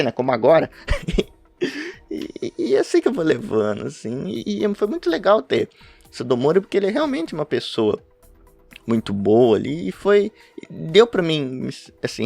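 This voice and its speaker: A man's voice: medium pitch, gravelly, dry recording. A man chatting casually to his webcam about a favorite manga, rambling and laughing between thoughts. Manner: rambling, self-interrupting, laughs often. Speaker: podcast host reviewing manga. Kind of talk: casual talk to camera. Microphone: webcam setup at home.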